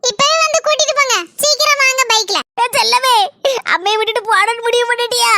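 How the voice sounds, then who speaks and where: A woman's voice: very high voice, steady tone, quick pace, creaky, background noise. A woman voicing a spoiled, demanding married daughter in a cartoon, whining and pushing in a southern Tamil accent. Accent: southern Tamil (Tirunelveli–Kanyakumari). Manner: pushy, whiny demands. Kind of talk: cartoon comedy voice acting.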